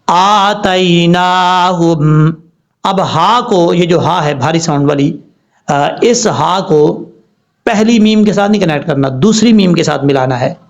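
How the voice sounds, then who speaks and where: Man slowly spelling out recitation rules. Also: on the high side, animated, creaky. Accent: Pakistani Urdu. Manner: slow, deliberate letter-by-letter spelling. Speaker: Quran recitation teacher. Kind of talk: spelling-out tajweed lesson. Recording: dull lo-fi recording.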